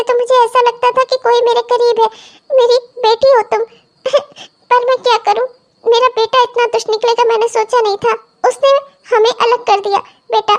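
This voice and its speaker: Brief: cartoon mother-in-law, elderly and protective, very high and squeaky, sermonizing. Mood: sad, earnest. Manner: affectionate, scolding, sermonizing. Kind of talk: cartoon comedy voice acting.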